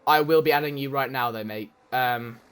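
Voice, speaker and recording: A man giving excitable live commentary on a sim race and chatting with his viewers. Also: mid-range voice, normal speed, smooth. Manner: excitable, swears when shouting, chats with viewers.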